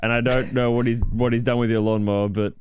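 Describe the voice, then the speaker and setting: A man's voice: mid-range voice, level tone, fast talker, darkish tone, clear, resonant tone. A young man co-hosting a podcast, blunt and teasing, swearing freely in casual chat. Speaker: podcast co-host.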